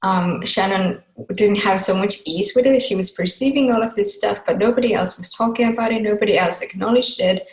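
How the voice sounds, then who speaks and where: Finnish-born woman hosting a video call talk, chatty, lots of ums, roomy echo. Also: medium pitch. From Finland. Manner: chatty, laughing, loose with fillers. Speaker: host. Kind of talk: casual online talk. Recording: echoey room sound.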